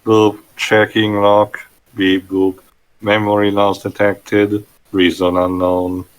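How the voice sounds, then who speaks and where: A robot booting up and running its system checks, as a man puts it on for a joke. He reads each status message in a flat, clipped computer manner and voices his own beeps and boops. The voice sits a little low. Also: slow, low-quality recording. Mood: mechanical. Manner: flat, clipped computer readout with spoken beep-boop noises. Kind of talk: joking voice-over while playing a game.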